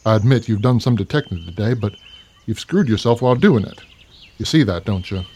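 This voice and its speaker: A man voicing a gruff, wisecracking police officer who needles his friend. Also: lowish voice, lively intonation, fairly quick, a little mellow, slight background noise, natural voice. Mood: needling. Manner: dry, needling, complaining. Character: gruff, wisecracking middle-aged male cop.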